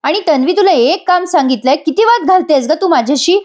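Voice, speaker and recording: A woman's voice: high-pitched, expressive, fairly quick, darkish tone, voice pushed up. A woman reading the part of a strict old matriarch who scolds and gives orders. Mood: stern. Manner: commanding, scolding. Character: stern bossy old grandmother, matriarch.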